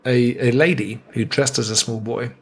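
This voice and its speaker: A man co-hosting a podcast in casual chat, telling jokey stories with animated asides. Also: mid-range voice, moderate pace, breathy edge. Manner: jokey storytelling, animated impressions. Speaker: podcast co-host.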